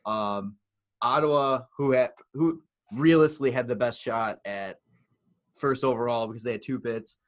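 A man co-hosting a podcast, talking in a casual, excitable, rambling way and swearing freely. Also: medium pitch, moderate pace. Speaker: podcast co-host. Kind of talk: casual sports chat.

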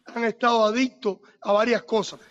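A man's voice: high voice, level tone, normal speed, a bit bright, dull audio. A middle-aged Cuban man, a boxing coach with a Cuban accent, arguing emphatically in a heated debate and repeating short phrases. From Cuba.

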